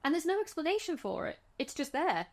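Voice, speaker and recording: A woman's voice: sits high, big pitch swings, brisk. A woman co-hosting a casual film discussion podcast, retelling scenes in a chatty way and often restarting her sentences. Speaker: podcast co-host.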